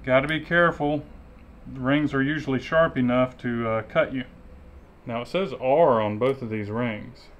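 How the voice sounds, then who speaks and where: A mechanic host in his thirties chats casually while rebuilding an engine in his garage workshop, easygoing as he works with his hands. His medium-pitched voice moves at normal speed, and the highs are cut off in the recording.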